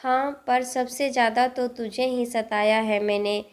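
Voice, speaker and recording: A woman voicing a stern old grandmother who speaks quietly and slowly with regret, in a storybook reading. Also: fairly high pitch, fairly even intonation, lightly acted. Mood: remorseful.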